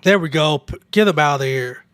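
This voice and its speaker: A young man with a somewhat high voice talks loosely and profanely while he plays, a little drunk and nursing a sore throat. The sound is dry and close, with no room echo. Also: brisk, a bit bright, smooth. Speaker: streamer. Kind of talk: casual gaming livestream chat.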